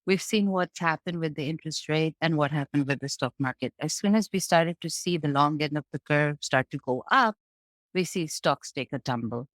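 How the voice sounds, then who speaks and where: A woman's voice: low-pitched, normal speed, no echo, studio quality. A woman from Bangladesh, a guest analyst explaining the economy in a conversational interview, often checking in with "right?". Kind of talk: interview answers on markets.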